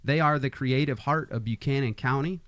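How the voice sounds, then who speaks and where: A man's voice: medium pitch, normal speed, a bit bright, dry recording. A man in his forties from Iowa hosting a podcast, upbeat in his intros and chatty with lots of restarts. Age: 40s. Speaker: podcast host. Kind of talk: casual podcast interview.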